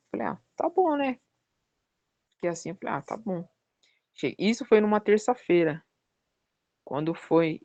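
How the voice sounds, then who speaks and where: A woman giving a personal religious testimony as a podcast guest, telling her story with lively acted-out dialogue. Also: sits low, dry recording. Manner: animated storytelling, acting out the dialogue.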